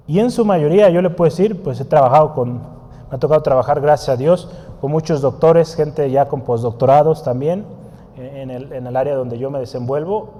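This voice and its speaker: A man preaches in a mellow, somewhat high voice, teaching in a conversational way and putting questions to the congregation. He pauses now and then to write on a board. His voice carries through a church hall with a long reverb. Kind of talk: teaching sermon.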